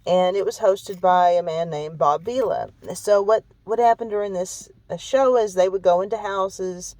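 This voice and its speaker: A woman's voice: mid-range voice, moderate pace, warm tone, no echo, poor audio. Woman vlogger, mid-range voice, emphatic and shaken storytelling, close dry recording. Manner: emphatic, repetitive, keeps adding "okay?" and "really"; emotionally shaken when recounting hurt. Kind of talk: personal storytelling to camera.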